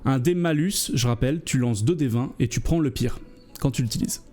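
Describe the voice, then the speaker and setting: A man's voice: medium pitch, brisk, warm tone. A man as game master, casually explaining and narrating a tabletop role-playing game in a hesitant, explanatory way.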